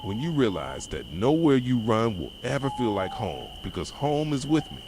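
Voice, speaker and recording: In an ASMR roleplay, a man plays an obsessive, possessive boyfriend, speaking softly and intensely straight to his partner in a medium-pitched, sing-song voice at normal speed. His dramatic monologue is devoted, pleading yet controlling. Behind him is a noisy nighttime ambience of crickets, insects, and hooting owls.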